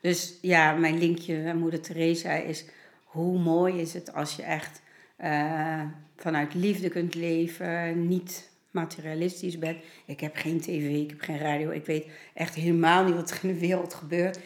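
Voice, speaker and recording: A woman's voice: low-pitched, level tone, measured pace. A middle-aged woman talking earnestly in a casual conversation, telling stories with animation. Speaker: guest. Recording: echoey room.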